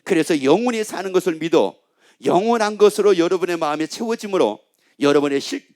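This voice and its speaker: A man's voice: high-pitched, lively intonation, a little fast, darkish tone. A male pastor preaching a sermon, asking rhetorical questions and repeating phrases for emphasis.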